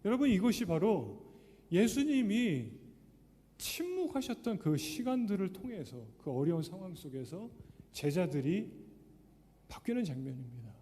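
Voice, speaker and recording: Animated pastor preaching in a reverberant hall. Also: male voice, high-pitched, measured pace. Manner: animated preaching, acting out doubting believers and Jesus' words. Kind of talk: sermon. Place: church sanctuary.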